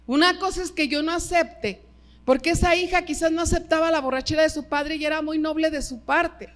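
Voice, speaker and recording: High-voiced Mexican woman preaching. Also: fairly even intonation, a little fast. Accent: Mexican Spanish. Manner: emphatic, keeps addressing listeners as brother. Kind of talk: sermon. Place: church.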